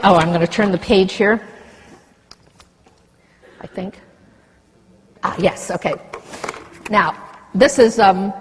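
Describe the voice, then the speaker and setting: A woman's voice: medium pitch, breathy edge. An older woman giving a conference speech, reading treaty points aloud and adding impassioned, blunt asides. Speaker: conference speaker. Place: conference hall. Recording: lecture hall with long reverb.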